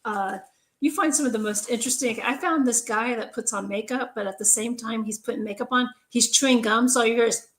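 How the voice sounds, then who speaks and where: A friendly, chatty woman with a fairly high voice co-hosts a casual live stream over a video call. She laughs easily. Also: fairly quick, fairly bright tone. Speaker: co-host. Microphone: video call setup.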